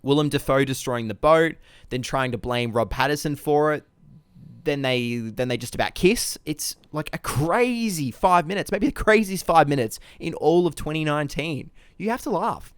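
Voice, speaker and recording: A man's voice: on the high side, lively intonation, moderate pace, smooth, dry recording. A man co-hosting a casual comedy film podcast, reading out ratings with a playful, teasing manner and laughing along. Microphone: podcast mic, remote recording.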